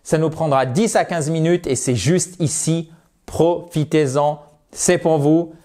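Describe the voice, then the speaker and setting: Man, english teacher, playful drilling, slow deliberate delivery, slightly high voice. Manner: lively, playful, repeats words slowly to drill them. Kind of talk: online English lesson.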